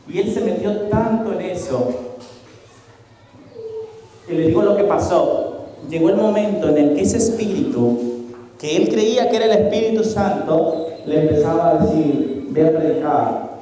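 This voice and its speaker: A man preaching at a youth congress, telling his story with dramatic flair and putting on voices as he goes. His voice sits high but sounds mellow and dark in tone. The sound bounces around a large hall with a long, ringing reverb. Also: far from the mic. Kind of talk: sermon.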